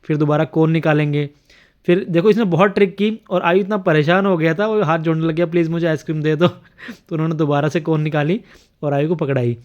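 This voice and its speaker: A man's voice: a little high, a little fast, dull audio. A man narrating a home video in casual voice-over, chuckling often as he comments. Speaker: vlogger narrating a family video.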